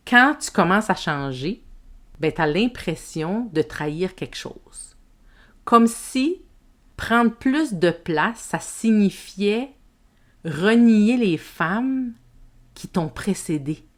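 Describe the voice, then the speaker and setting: A woman with a Québécois French accent hosting a self-help podcast, speaking to the listener in a gentle, reflective way. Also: fairly low pitch. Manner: slow, gentle, addresses the listener as tu. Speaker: podcast host and women's coach.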